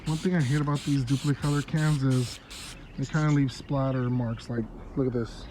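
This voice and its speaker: Filming on a handheld phone as he works in his yard, a congested car vlogger talks at a moderate pace in a mid-range voice. His how-to narration is easygoing and chatty, full of laughter, with faint outdoor sounds.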